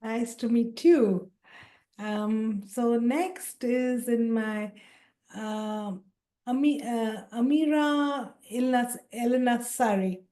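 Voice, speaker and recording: This woman's voice is fairly high and dark in tone, and she speaks extremely slowly. Hosting an online leadership workshop over a video call, she introduces the session and calls on participants by name, one after another, in a friendly manner.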